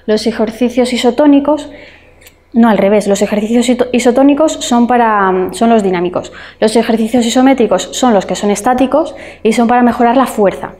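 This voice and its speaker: A woman's voice: a little high, a little fast, darkish tone. A woman speech therapist giving an online lecture, explaining step by step with fillers and frequent checks with her listeners.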